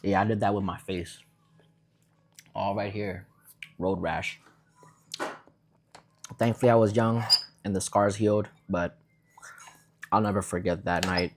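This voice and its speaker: In this laid-back eating vlog, a young man who grew up in Vietnam rambles casually over a meal at home. He speaks with a lowish, steady voice at a measured pace, pausing frequently, against slight background noise.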